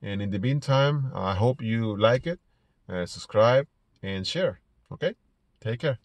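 Sitting inside a parked car, a middle-aged small business owner from Ecuador vlogs casual personal stories to camera with an Ecuadorian Spanish accent. His medium-pitched, expressive voice is halting, repeating words as he goes, and there's no echo.

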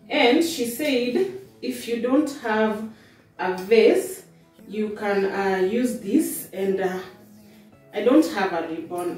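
A woman, calmly talking through her home cooking step by step, with many small pauses. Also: medium pitch. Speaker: vlogger, stay-at-home mum. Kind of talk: casual cooking voice-over. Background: soft background music.

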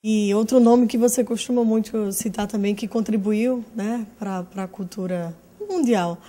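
A woman's voice: mid-range voice, measured pace, music in the background. A young woman interviewing a guest indoors, asking polite questions and often adding tag questions, speaking into a handheld mic. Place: living room, indoors.

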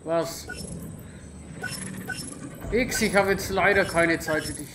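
A man with a Franconian German accent doing excited, casual gameplay commentary, full of loud exclamations. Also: on the high side, takes it slowly, noisy background. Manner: exclaims a lot, talks to his pet in the game. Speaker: let's player.

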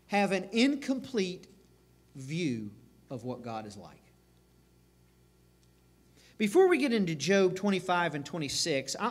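A man preaching a sermon as pastor, earnest and emphatic, circling back over phrases. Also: high-pitched. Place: church sanctuary. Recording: reverberant church sanctuary.

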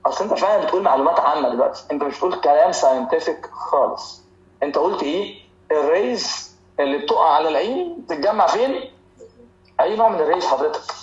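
A man with an Egyptian Arabic accent gives a lively medical lecture in a hall, teasing students and drilling terms by repetition. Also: on the high side, fast talker, muffled recording.

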